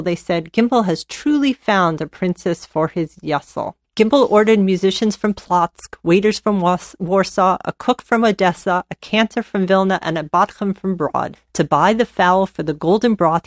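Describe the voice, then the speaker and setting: A woman tells an old folk tale with expressive, lively storytelling. Her voice sits at a middle pitch, and the sound is very dry and close, with no room around it. It feels like a host reading to her listeners. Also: no echo.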